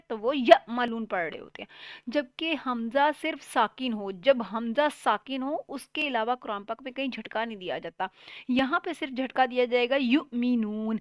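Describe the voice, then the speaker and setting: A woman from Pakistan giving a Quran tajweed lesson, reciting each word slowly and drawn out before explaining the rules step by step. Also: fairly high pitch, clean tone, no room sound, clean studio sound. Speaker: Quran teacher. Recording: dull lo-fi recording.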